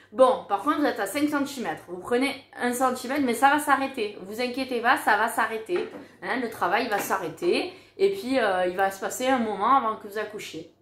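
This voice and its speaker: A woman telling a personal story in a casual, animated way, acting out the dialogue she recounts. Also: on the high side. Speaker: mother telling her birth story. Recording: roomy echo.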